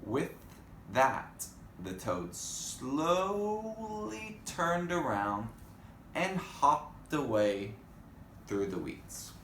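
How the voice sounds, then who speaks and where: Reading very slowly in a somewhat high, slightly bright voice, this man swings widely in pitch as he tells a storybook tale to children. He's expressive and chats with his young audience between lines, recorded in an echoey room with faint noise.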